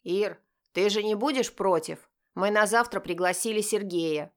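A woman voicing a cheeky, joking teenage brother with a slightly lower, loud, playful delivery. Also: unhurried, lightly acted.

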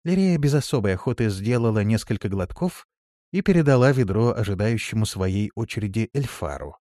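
A man narrating an audiobook in an expressive, steady storytelling manner. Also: fairly low pitch, fairly quick, no room sound, clean studio sound. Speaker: audiobook reader. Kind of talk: scripted narration.

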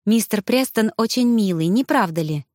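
A woman voicing an eager, timid young female friend who talks in a bright, gushing way. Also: medium pitch, expressive, normal speed, dry recording, studio quality, lightly acted.

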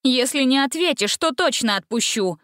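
A woman's voice: high-pitched, expressive, normal speed, no echo, studio quality, voice pushed up. A woman doing a stern, bossy young investigator. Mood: commanding. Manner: sharp, commanding.

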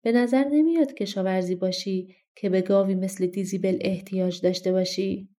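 A woman voicing Jack, a carefree and hopeful young boy in a storybook, eager and quick to protest. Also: mid-range voice, steady tone, dark tone, natural voice.

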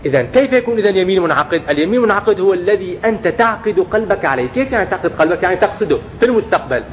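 A man's voice: high-pitched, expressive, rapid-fire, lo-fi sound, a little hiss or hum. A man preaching a religious lesson to young people, often asking questions and answering them himself. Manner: acts out everyday speech in quotes.

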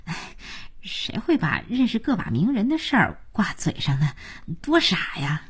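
A woman playing a flustered young woman, sheepish and polite. The voice is husky with a very lively melody. It comes from a storybook reading. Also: medium pitch, measured pace, heavily acted.

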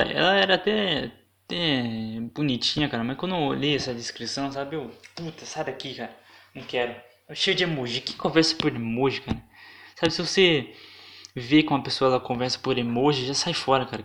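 A young man with a Brazilian accent rants alone into the mic for his podcast. He sounds indignant and profane, drifting through fillers and restarts. His voice sits at an ordinary middle pitch for a man. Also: fairly bright tone. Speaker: podcast host. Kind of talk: casual solo podcast rant.

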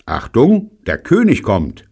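A man reading aloud, voicing a calm, patient adult schoolmaster who lectures in a dry, level way. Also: mid-range voice, slow, creaky, breathy edge, pitched above the performer's own voice, exaggerated voice. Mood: calm, lecturing.

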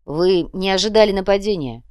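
A grim warlord, played by a woman narrator, giving loud, assured commands in an audiobook. His tone is firm and weighty. The recording is close and dry. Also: mid-range voice, a little fast, clear, resonant tone, no room sound, natural voice. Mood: commanding.

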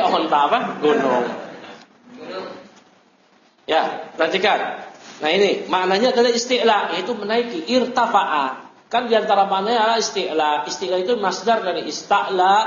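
High-voiced man teaching in an echoey room. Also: a bit bright, a little hiss or hum. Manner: explains step by step, repeats terms, quizzes students. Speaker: Islamic teacher. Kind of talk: classroom lecture on Arabic grammar. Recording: roomy, dull lo-fi recording.

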